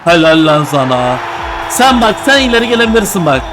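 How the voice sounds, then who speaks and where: Gaming streamer, young man, voice a bit high, jokey and trash-talking, light noise under the mic. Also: fairly quick. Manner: excitable, joking, trash-talking, repeats calls. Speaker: gaming YouTuber. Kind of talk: live gameplay commentary with teammates.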